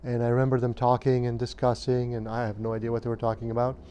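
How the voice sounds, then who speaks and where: A Romanian-born man in his fifties speaks in a smooth, mellow, mid-range voice, sounding like an interviewee recalling his childhood. His delivery is fairly flat and even, moving through memories with measured hesitation and plenty of fillers.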